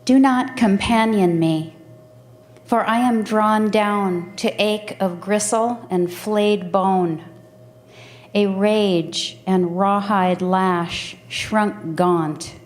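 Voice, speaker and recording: A woman reading poems aloud in a slow, deliberate recitation. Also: mid-range voice, a little mellow. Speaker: poetry reader.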